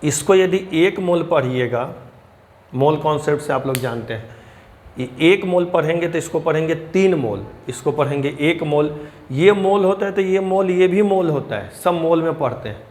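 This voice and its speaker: A man teaching chemistry, explaining step by step, addressing students as children and reading English terms slowly. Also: on the high side, a little mellow. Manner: reads English question lines slowly and deliberately. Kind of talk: blackboard lecture.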